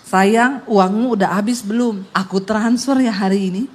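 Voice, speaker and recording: A woman's voice: mid-range voice, moderate pace, darkish tone, voice pushed down, close to an everyday voice. A woman preacher voicing a formerly stingy, harsh husband who now coaxes his wife to come home. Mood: coaxing. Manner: coaxing, tender. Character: stingy harsh middle-aged husband, newly repentant.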